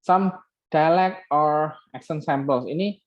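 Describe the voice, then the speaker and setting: A man with an Indonesian accent giving a classroom lecture. He switches between Indonesian and English, restarts halting phrases, and quizzes the class. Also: on the high side. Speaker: university lecturer. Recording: dull lo-fi recording.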